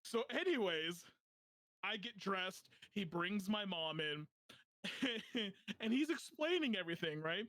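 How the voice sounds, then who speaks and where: A young man hosting a podcast, telling a funny personal story in a casual, animated way, often laughing as he talks. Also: sits high, slow pace, no room sound. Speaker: podcast host.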